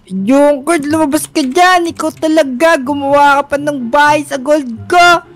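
A greedy young boy hoarding his gold, voiced by a woman, high and bossy in a Minecraft role-play. He scolds and orders people about in a squeaky tone. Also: unhurried. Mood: scolding.

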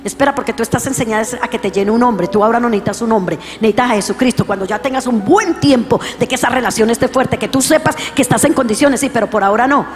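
A woman preacher delivers a sermon as a story, her fairly high voice dropping to a hush and then rising to fervent shouts. The sound rings with long reverb, and faint music plays underneath. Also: fast talker, hardly any pauses.

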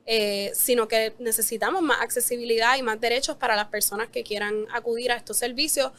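Woman, slightly high voice, firm and articulate. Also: fairly even intonation, a little fast, a bit bright. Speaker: guest advocate. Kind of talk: argumentative interview answer.

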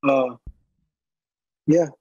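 A young man, a boxer guest in an interview, talks very slowly and casually in a darkish tone with no echo, repeating phrases in an easygoing way. He's on a video call using earbuds, and the lo-fi call audio sounds dull.

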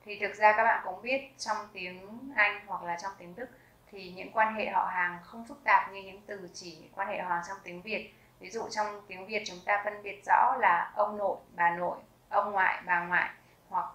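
Woman teacher, mid-pitched, unhurried, repeats every word with care; roomy echo around the voice. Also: fairly bright tone. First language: Vietnamese. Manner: slow, careful repetition of each word. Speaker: German language teacher. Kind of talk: vocabulary lesson with slow repetition.

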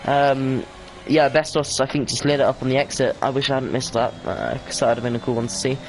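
A man's voice: mid-range voice, fast talker, a little hiss or hum. A man giving casual sim racing commentary, tired and hesitant, with lots of ums and corrections of himself. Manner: tired and yawning. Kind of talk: casual esports race commentary.

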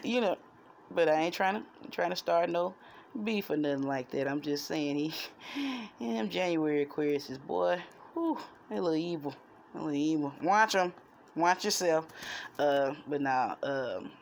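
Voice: medium pitch, moderate pace, gravelly. Musing casual vlogger, slightly noisy recording. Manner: musing, digressive, jokey. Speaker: vlogger and amateur songwriter. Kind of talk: casual rambling chat to camera. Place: small room at home, indoors. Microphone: phone at arm's length. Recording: noisy handheld phone recording.

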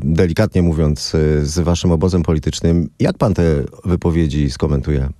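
A male radio interviewer with a deep, mellow voice asks pointed follow-up questions and keeps pushing for answers. His voice sounds dry and close. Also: normal speed, no room sound. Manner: probing, persistent questions. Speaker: interviewer host.

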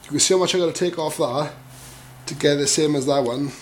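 A tutorial presenter works at a bench vice in a workshop, dropping informal, clipped asides as he goes. His voice is a little high and a little fast. The rasp of metal filing and clicking sounds come through clearly.

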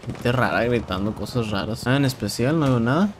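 A young man with a Mexican accent giving casual, excitable commentary while playing a shooter game, swearing and repeating words. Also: medium pitch, a little fast. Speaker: gameplay streamer. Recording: game sounds and noise in background.

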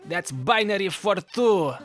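Over background music, a man with a Russian accent narrates scripted video game tips for a gaming video, playing it jokey and mock-instructive over gameplay. His voice is high-pitched and a bit bright, with lively intonation and an unhurried delivery.

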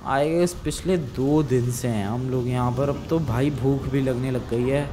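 A young man doing game role-play commentary, swinging from hushed talk to loud excited shouting. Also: mid-range voice, unhurried, background noise. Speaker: gaming YouTuber.

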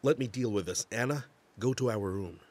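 A man's voice: on the low side, moderate pace, a little mellow, no echo, natural voice. An actor dubbing a young husband who speaks firmly to his father and wife. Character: young husband, calm son. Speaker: dub actor. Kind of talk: drama dub.

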